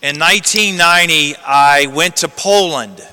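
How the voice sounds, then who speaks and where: A man's voice: a little high, a little slow, pushed and bright, clear, resonant tone. A man, a priest, reading the gospel and giving an earnest storytelling homily, his voice carrying a cathedral echo. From United States. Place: large church. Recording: long church reverb.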